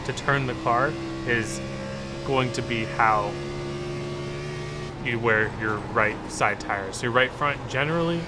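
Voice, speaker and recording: A man giving calm, methodical driving instruction while playing a racing game, often repeating key words. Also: medium pitch, slow, long pauses, heavy background noise. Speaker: sim racing coach. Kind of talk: instructional commentary over gameplay.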